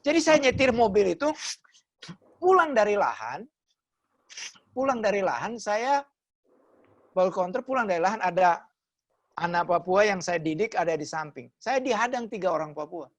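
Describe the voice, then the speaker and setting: A pastor giving a testimony sermon over a video call, telling the story with lively acted quotes that swing between loud and soft. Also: male voice, high voice, normal speed, pauses often, muffled recording.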